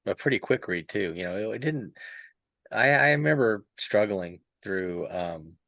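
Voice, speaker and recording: Man, very low voice, dry close sound, loose chatty book-club talk. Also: expressive, unhurried, fairly bright tone, dry recording. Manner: rambling, thinks aloud with restarts. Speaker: podcast panelist. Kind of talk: casual book discussion.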